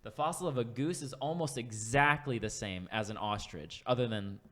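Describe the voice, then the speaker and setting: A man's voice: medium pitch, moderate pace, a bit bright. A man co-hosting a podcast, rambling through a casual explanation with many fillers. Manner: rambling, fillers and restarts, laughs easily. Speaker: podcast co-host. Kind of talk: casual chat. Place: podcast studio.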